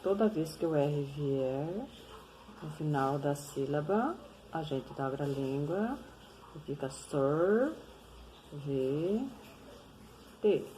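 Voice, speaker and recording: Slow, patient Brazilian woman teacher. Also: low voice, expressive, warm tone, a little hiss or hum, low-quality recording. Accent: Brazilian Portuguese. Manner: patient, drawn-out syllables for learners. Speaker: literacy teacher. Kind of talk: slow syllable-by-syllable reading lesson.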